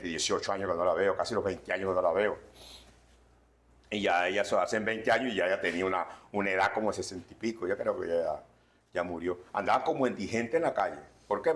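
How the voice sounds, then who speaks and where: A man preaching a sermon as pastor, swinging between loud warnings and quiet asides. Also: deep voice.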